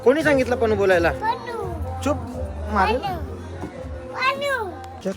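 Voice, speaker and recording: A woman vlogger chats slowly and fondly with a toddler, laughing often in between. Her voice sits a little high, and loud music and a chattering crowd fill the background. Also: animated. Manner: laughs often, coaxes a small child. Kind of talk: casual family vlog chat.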